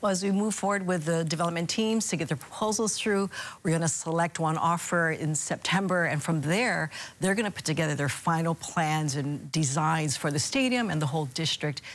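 A middle-aged woman, a state official, giving an upbeat, measured update in a TV studio interview. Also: low voice. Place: TV news studio.

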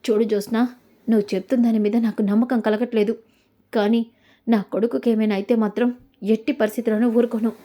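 A woman voicing a sharp-tongued, suspicious old grandmother who interrogates in a demanding way. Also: a little high, flat delivery, fast, natural voice.

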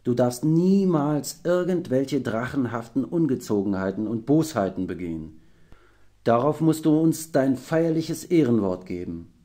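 A man voicing a calm, wise adult male engine driver in an audiobook reading, speaking deliberately and thoughtfully. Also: medium pitch, lightly acted. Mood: serious. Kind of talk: audiobook character voice.

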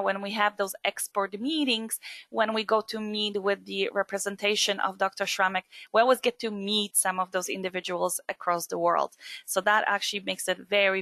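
A woman's voice: mid-range voice, steady tone, moderate pace, fairly bright tone, dry recording. A woman from Poland presenting a skincare webinar in a chatty way, with many fillers and asides.

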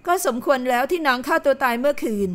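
A woman voicing a gossiping lady in purple in an audio novel, speaking in a low, conspiratorial voice. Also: fast talker, natural voice. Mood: knowing. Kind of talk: audiobook character voice.

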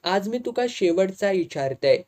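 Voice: mid-range voice, expressive, unhurried, darkish tone, close to an everyday voice. A reader voicing a hot-tempered young village man with a Malvani accent, pressing insistently in an audiobook. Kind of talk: audiobook dialogue reading.

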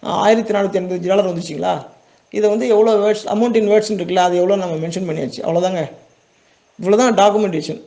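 This Tamil Nadu-accented export business owner from India talks fast in a high, mellow voice with fairly even intonation and some vocal fry. His tutorial is informal and step-by-step, with check-ins with listeners and repeated words for emphasis.

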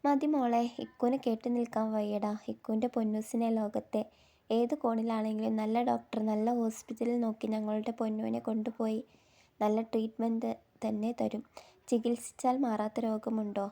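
A woman's voice: fairly high pitch, flat delivery, normal speed, warm tone, natural voice. A woman voicing a devoted older brother who urgently reassures his sister. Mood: reassuring.

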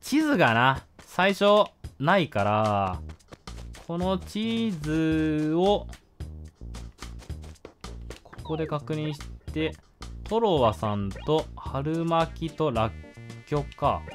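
A man casually commenting while playing a video game, with low mumbled asides. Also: expressive, drawn-out words, pauses often, soft background music. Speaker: game streamer. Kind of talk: casual let's-play commentary.

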